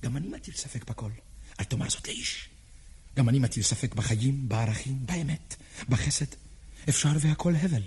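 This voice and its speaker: A man's voice: medium pitch, darkish tone, slightly rough. An actor playing an anxious, earnest man who pleads and rambles with nervous laughs in a stage drama. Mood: anxious pleading. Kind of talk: theatrical drama acting.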